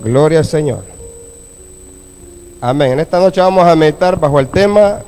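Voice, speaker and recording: A man with a high voice preaches to his congregation, tucking in frequent checking questions as he reads and explains scripture. His delivery is unhurried, with faint music behind him. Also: darkish tone. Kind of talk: sermon. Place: church.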